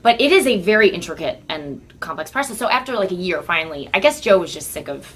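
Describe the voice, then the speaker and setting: Chatty woman guest, quick to laugh. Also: on the low side, sing-song, fairly bright tone. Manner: chatty, self-interrupting, laughs easily. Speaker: podcast guest. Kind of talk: casual chat.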